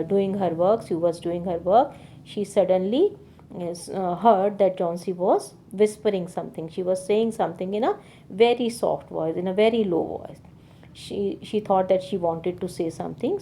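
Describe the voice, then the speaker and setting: A woman's voice: on the low side, warm tone, slight background noise. A woman teacher reading a story aloud and then retelling each passage in simpler words, with frequent fillers.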